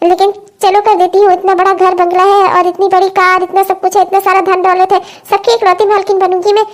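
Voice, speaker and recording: A very high, piping cartoon voice belongs to a greedy young bride-to-be, voiced by a woman. She schemes for a rich household. Her talk is sharp and scornful. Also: level tone. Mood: scheming. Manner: sharp, scornful, quick when arguing. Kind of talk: cartoon voice acting.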